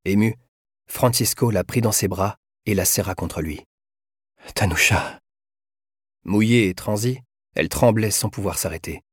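A man reading a novel aloud as narrator, in a measured, even voice. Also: lowish voice, husky, dry recording, studio quality. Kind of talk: audiobook narration.

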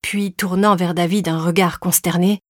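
Brief: woman narrator, measured audiobook reading, lowish voice, dry close recording. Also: steady tone, dry recording. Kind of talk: scripted narration.

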